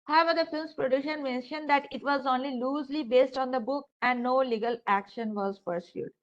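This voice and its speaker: A university lecturer, a high-pitched woman with an Indian English accent, teaches a class in a relaxed, conversational style with a steady tone. She fills pauses with "uh" and "you know" and speaks straight to her students. The audio is dull and lo-fi, like a classroom room mic.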